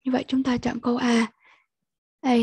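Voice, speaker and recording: Young woman teacher with a Vietnamese accent, high and husky, slow and patient with pupils. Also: completely flat delivery, darkish tone, dry recording. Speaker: English teacher. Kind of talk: online lesson walkthrough.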